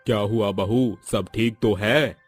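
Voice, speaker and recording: A man playing a calm, mild father-in-law who speaks slowly and patiently. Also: on the low side, soft background music.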